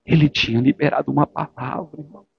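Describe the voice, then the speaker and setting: A man preaching a sermon as a pastor, swinging between forceful exhortation and hushed, intimate speech. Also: on the high side, steady tone, fast, gravelly, breathy edge. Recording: dull lo-fi church recording with faint music.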